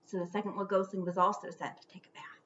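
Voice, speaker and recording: Stretching words and dropping to suspenseful whispers, a woman performs a children's storybook reading. She speaks in a mid-range, level voice at a rapid-fire clip, over dull audio with a slight hiss or hum.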